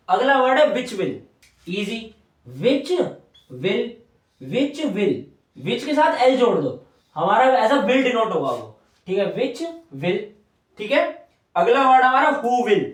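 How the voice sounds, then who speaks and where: Guy teaching shorthand on a whiteboard, high voice, echoey room, mic kinda far off. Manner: patient, repeats each stroke aloud while drawing. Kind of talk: whiteboard lesson.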